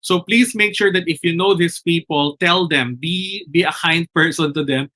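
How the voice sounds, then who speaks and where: A man's voice: on the high side, moderate pace, sharp tone. A man hosting a live teacher webinar, chatty and talking straight to his audience with frequent restarts. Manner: chatty, restarts phrases, addresses teachers directly. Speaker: webinar host.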